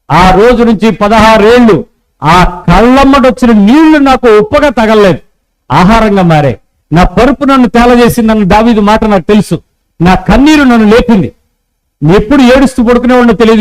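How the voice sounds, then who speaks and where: A man preaching a sermon as pastor, urging the congregation to repeat his words to each other and acting out quoted conversations. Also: rough recording. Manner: preaching with call-and-response prompts to the congregation; acts out quoted dialogue in a lowered voice.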